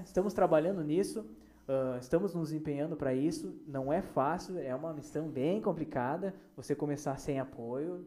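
Brief: man, podcast host, high voice, playful joking delivery. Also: mellow. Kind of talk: casual chat.

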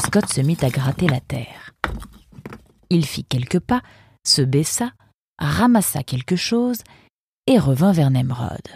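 A woman narrating a storybook in a measured, unhurried way. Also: deep voice, creaky, breathy edge, dry recording. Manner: measured, even, unhurried reading.

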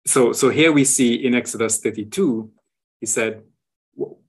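A man's voice: mid-range voice, moderate pace, slightly rough. Man explaining with frequent "right?". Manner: tag questions, frequent restarts. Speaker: guest sharing travel photos. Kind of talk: conversational explanation.

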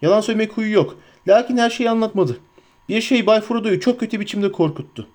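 A man voicing an anxious, loyal young male hobbit servant, high-pitched and frantic, talking to himself. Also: quick pace, darkish tone, lightly acted. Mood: fretful.

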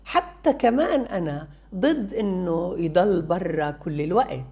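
A woman gives parenting advice in an expressive, emphatic monologue and repeats words for stress. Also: on the low side, measured pace. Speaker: parenting consultant.

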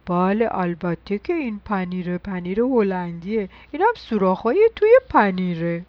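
A woman's voice: mid-range voice, sing-song, no room sound, lo-fi sound, pitched below the performer's own voice, lightly acted. A woman voicing a hungry, greedy male mouse in a children's story, eager and insistent. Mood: smug.

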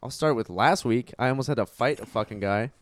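A young man with a nasal voice, co-hosting a podcast in casual banter, loud and joking, swearing a lot. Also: mid-range voice, brisk, dry recording, studio quality. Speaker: podcast co-host.

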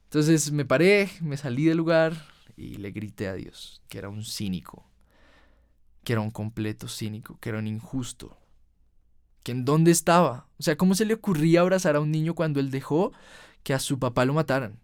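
A man's voice: fairly high pitch, expressive, normal speed, darkish tone, no room sound, studio quality. A young man delivering an emotional personal monologue as a podcast host, earnest, with his voice climbing when he recalls his anger.

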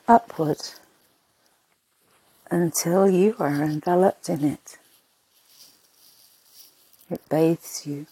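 A woman narrating a sleep meditation in a soft, breathy, husky voice, soothing and hushed, in short spaced phrases. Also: lowish voice, dry recording, rough recording.

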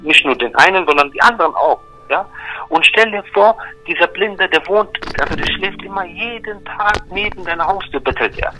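Emphatic bright-voiced man explaining faith. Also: high-pitched, normal speed, faint music behind, rough recording. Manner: emphatic, repetitive, checks in with "ja?" and "verstehst du?". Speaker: religious explainer. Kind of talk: earnest one-on-one religious explanation.

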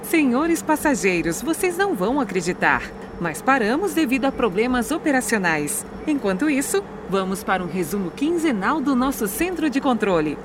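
A woman conductor making a formal passenger announcement over a train loudspeaker, heard from a distance. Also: a little high, big pitch swings, normal speed, noisy background.

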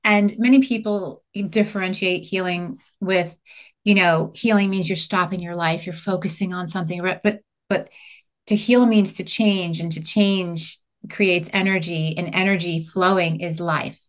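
Woman guest, low-pitched, earnest and reflective. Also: fairly even intonation, moderate pace. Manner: reflective, earnest, checks in with "right?". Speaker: podcast guest. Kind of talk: casual conversational interview.

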